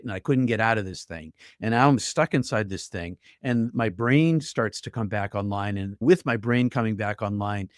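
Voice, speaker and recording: A man's voice: fairly low pitch, dry recording, studio quality. An older man telling his own story in an interview, earnest and vivid, acting out the voices he heard. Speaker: guest telling his near-death story.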